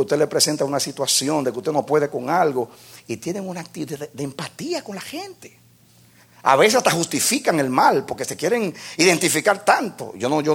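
A male pastor preaches with passion in a high, gravelly voice. His tone is husky, and he climbs to shouted peaks to drive his points home. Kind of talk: sermon.

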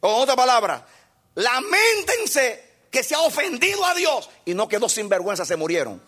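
A male pastor preaching a sermon with impassioned delivery, swinging from hushed passages to shouting. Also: very high-pitched, sing-song, moderate pace.

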